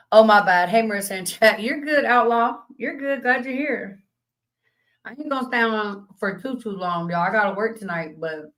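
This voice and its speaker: A woman with a mid-range, slightly bright and a bit raspy voice hosts a casual live stream. She reads chat comments aloud and talks bluntly, laughing often and swearing plenty.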